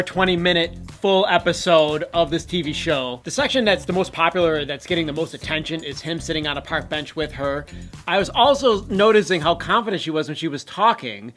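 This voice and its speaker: High-pitched man giving news commentary. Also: a bit bright. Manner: emphatic, opinionated. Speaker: co-host of a Korean pop culture news show. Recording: faint music behind the voice. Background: faint music.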